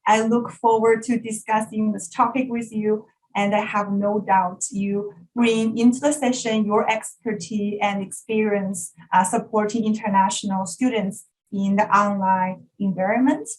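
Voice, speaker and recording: In a prepared presentation on an online video call, a native Mandarin speaker from China with a Mandarin Chinese accent opens a workshop she facilitates as an educational developer, speaking politely and formally. Her medium-pitched voice stays steady at a measured pace with few pauses, and the recording is rough.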